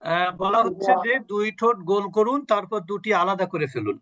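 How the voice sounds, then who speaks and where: A man's voice: high voice, a little fast, a bit bright, dry recording, highs cut off. A man teaching an online Quran recitation class on a video call, patiently quizzing his students and repeating sounds for them.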